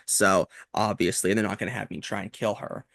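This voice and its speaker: A man's voice: on the low side, fairly even intonation, brisk, vocal fry, fairly bright tone. A man hosting a podcast, chatting casually in a rambling way full of "like" and restarts. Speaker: podcast host. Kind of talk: casual chat.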